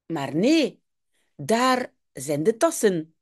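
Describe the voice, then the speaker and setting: A woman's voice: sing-song, extremely slow, heavily acted. A woman voicing an eager, curious little boy in a storybook reading. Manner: high, bright childish delivery.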